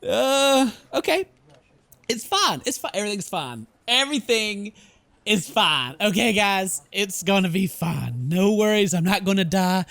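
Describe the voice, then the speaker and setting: A man with a high, fairly bright voice hosts a let's play of a horror game, reading the story aloud and reacting with theatrical exclamations. The audio has no echo.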